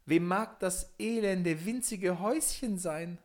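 A man voicing a proud, mocking young princess in a fairy tale, speaking high and drawn out. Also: takes it slowly. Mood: lamenting.

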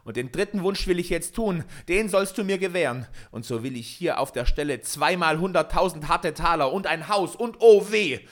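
A man voicing a reckless, hot-tempered young male gambler who shouts in agitation. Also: a little high, moderate pace, hardly any pauses, pitched above the performer's own voice, lightly acted. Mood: angry.

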